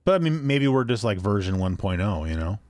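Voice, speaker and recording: A man's voice: on the low side, fairly quick, no room sound, studio quality. A man co-hosting a podcast, chatting casually and rambling a little as he reads listener mail. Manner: relaxed, rambling, reads listener emails aloud. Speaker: podcast co-host. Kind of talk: casual chat.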